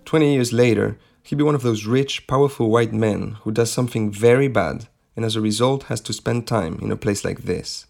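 Male podcast host, gravelly, scripted wry narration, soft music underneath. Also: on the low side, normal speed, hardly any pauses.

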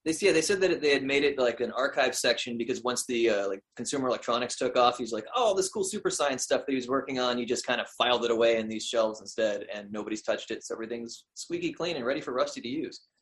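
A man's voice: medium pitch, animated, fast talker, hardly any pauses, fairly bright tone. A man co-hosting a casual podcast about a cartoon, talking eagerly and often stammering as he restarts a sentence. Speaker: podcast co-host.

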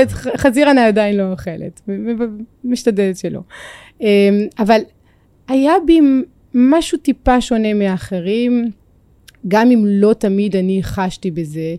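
A woman's voice: medium pitch, warm tone, dry recording. A woman from France with a French accent in Hebrew, a native French speaker, talking reflectively as a podcast guest and searching for her words. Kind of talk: reflective personal interview.

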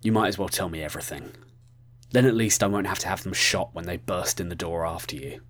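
A man's voice: deep voice, brisk. A man voicing a harsh, impatient security chief who talks in curt threats. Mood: threatening.

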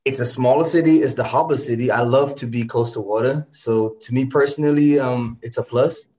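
Man, halting speech. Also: medium pitch, low-quality recording. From Germany. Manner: hesitant, relaxed, many ums. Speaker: guest artist. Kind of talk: interview answers.

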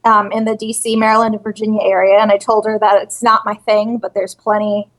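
A woman's voice: medium pitch, level tone, fairly quick. A bubbly, chatty woman calling in as a guest on a podcast, laughing often. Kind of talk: casual podcast chat. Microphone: call-in line over speakers.

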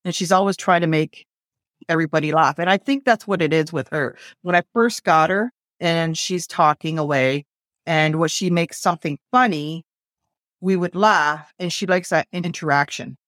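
A woman rambles about her bird in a friendly group chat. She thinks out loud as she goes, and the recording is dry and close. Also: low-pitched, moderate pace, dry recording. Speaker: parrot owner.

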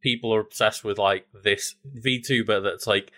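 A man co-hosting a podcast in a relaxed, rambling way, with a lowish voice. He fills his talk with "like" and swears casually. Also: moderate pace. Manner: rambling, many filler likes, relaxed swearing. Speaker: podcast co-host. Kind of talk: casual chat.

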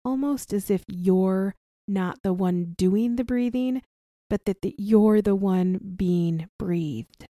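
A woman guides a somatic relaxation practice in a soft, soothing way. Her pace is very unhurried and her tone is mellow and relaxed. She leaves long pauses between gentle instructions, in a dry, intimate recording. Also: mid-range voice, no echo.

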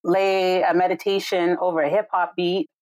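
A woman from Jamaica, a guest and yoga and meditation teacher, converses casually on a video call in a low voice with flat delivery and moderate pace. She comes across as warm and reflective, often using "like" and "right?"; the recording is low-quality with no room sound.

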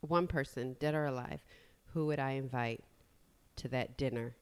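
A woman of forty in casual chat as a podcast host, speaking in an expressive, effusive way. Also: rumbling low, normal speed, clean tone. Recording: long hollow reverb.

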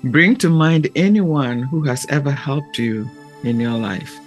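Slow, gentle man guiding a meditation. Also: mid-range voice, faint music behind. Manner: gentle, measured, deliberate with long pauses. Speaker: podcast host and meditation guide. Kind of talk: scripted reflective talk and guided meditation.

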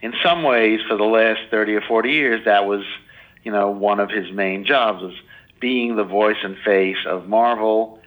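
A man's voice: fairly low pitch, normal speed, fairly bright tone, poor audio. A man in his sixties, a biographer answering interview questions in a loose, rambling way full of "you know" and restarts. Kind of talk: casual interview talk.

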